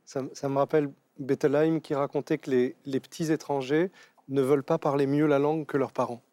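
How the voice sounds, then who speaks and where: Man, mellow dark voice, halting, musing author guest, dry studio sound. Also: mid-range voice, steady tone, no echo. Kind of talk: TV talk show conversation.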